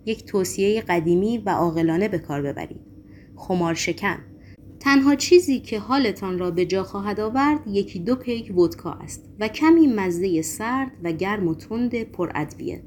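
A mysterious foreign gentleman, read by a woman, speaks in a calm, serious tone with a foreign accent. He is unfailingly polite but sly underneath, as if he knows more than he says. The sound is storybook narration. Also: mid-range voice, slight background noise, natural voice. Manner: calm, polite, quietly mocking.

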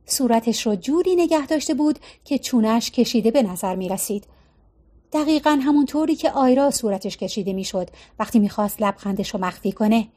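A woman reading a novel aloud in a steady, measured way as audiobook narrator. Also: fairly high pitch. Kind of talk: storytelling narration.

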